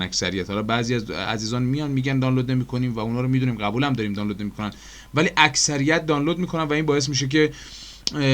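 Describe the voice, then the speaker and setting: A man with an Iranian Persian accent giving a chatty screen-recorded animation tutorial, explaining step by step with frequent fillers and questions to his viewers. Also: medium pitch. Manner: addresses viewers as dear friends.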